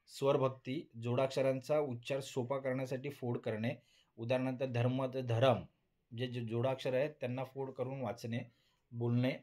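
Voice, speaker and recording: A man's voice: medium pitch, a little mellow. A man giving a recorded lecture, reading out points, repeating them and often restarting words. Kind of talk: recorded Marathi linguistics lecture.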